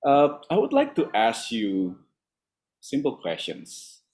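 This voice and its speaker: A man moderating a webinar over a video call, friendly and halting with frequent fillers. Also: medium pitch, huge pitch swings, darkish tone.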